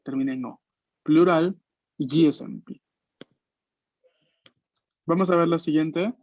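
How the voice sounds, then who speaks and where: A man's voice: a little high, slow, a little mellow, dry recording, lo-fi sound. A man teaching an online language class, explaining patiently and checking in with frequent questions. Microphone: video call.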